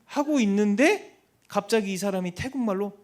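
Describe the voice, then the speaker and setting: A man, a missionary, giving an animated church testimony and acting out the people in his story. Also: high voice, normal speed. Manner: animated, acts out quoted people.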